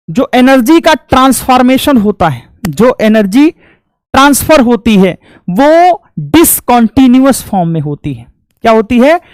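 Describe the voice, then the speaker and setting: High-voiced man teaching physics. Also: clear, resonant tone, dry recording. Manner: repeats each point as a question and then answers it; homely, folksy explanations with sound effects. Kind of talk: classroom lecture.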